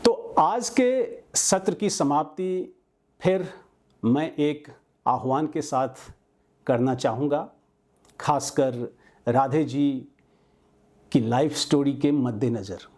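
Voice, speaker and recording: Mellow, slow-speaking male host. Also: mid-range voice. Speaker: show host. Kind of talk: scripted narration.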